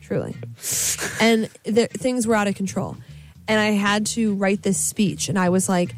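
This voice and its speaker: A woman's voice: mid-range voice, expressive, unhurried, soft background music. A young woman with dry, sarcastic humor, telling rambling stories in a casual chat in a radio studio. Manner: rambling storyteller. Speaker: former station manager, radio guest.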